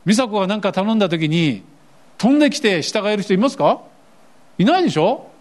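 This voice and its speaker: A man's voice: high voice, lively intonation, brisk. An older man preaching a sermon as pastor, asking his congregation questions and acting out the voices he quotes.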